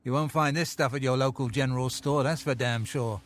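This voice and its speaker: A man's voice: medium pitch, fairly even intonation, brisk, lightly acted. Man acting a furtive, shady back-alley dealer. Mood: sly. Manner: furtive, conspiratorial. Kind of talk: video game character dialogue.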